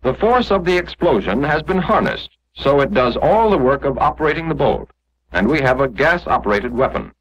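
An American male narrator explains things in a measured, 1940s instructional style, with animated intonation. His voice is medium-pitched and slightly husky, heard through muffled vintage film audio.

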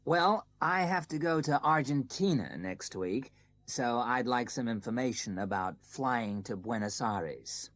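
A woman playing a customer in an exam listening recording, with a very deep voice and lively intonation. She speaks slowly and carefully in a dry, close recording. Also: full character voice. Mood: asking. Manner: measured, careful delivery. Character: female customer planning a trip.

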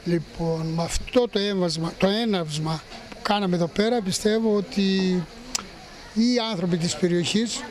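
High-pitched man, halting interviewee. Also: poor audio. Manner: halting, with pauses mid-sentence. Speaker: municipal councillor. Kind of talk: on-location news interview. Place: outdoor street market. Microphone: handheld press microphones.

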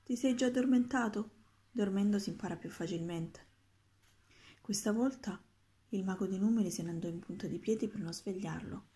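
A woman teacher reading a storybook aloud to pupils, with steady, expressive narration. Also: medium pitch, normal speed.

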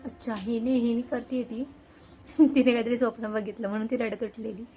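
A young mother narrates a home vlog in a high voice and drops into soft asides between bursts of cooing, sing-song talk to her little daughter. Faint music plays under her voice. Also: little pitch movement, normal speed. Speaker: mother vlogging her toddler's morning.

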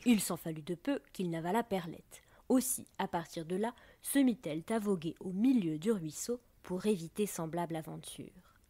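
A woman narrating a children's story aloud, gently and softly, often dropping close to a whisper. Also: lowish voice, normal speed. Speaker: reader.

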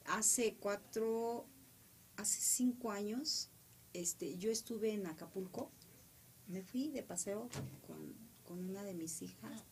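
A woman's voice: mid-range voice, slow, slight background noise. Emotional middle-aged Mexican woman. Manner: animated, drops to whispers. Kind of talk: emotional storytelling.

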